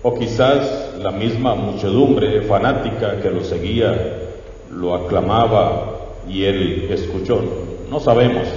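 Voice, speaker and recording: Slow, deep-voiced priest in echoing church. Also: male voice, a little mellow. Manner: exhorting, asks the congregation questions. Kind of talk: sermon. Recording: echoey church from far off, dull lo-fi.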